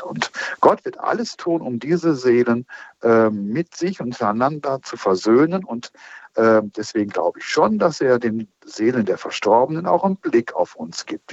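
A priest explains matters of faith to callers on a radio show, his husky voice recorded close and dry. He sounds slightly dull and muffled, and he pauses with frequent fillers while he thinks. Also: fairly low pitch, darkish tone, no echo. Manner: thoughtful, explaining with many fillers.

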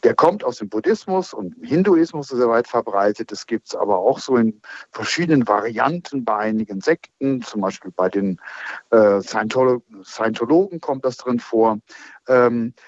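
A priest explains matters of faith to callers on a radio show, his husky voice recorded close and dry. He sounds slightly dull and muffled, and he pauses with frequent fillers while he thinks. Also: mid-range voice, animated, a little mellow, dry recording. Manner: thoughtful, explaining with many fillers.

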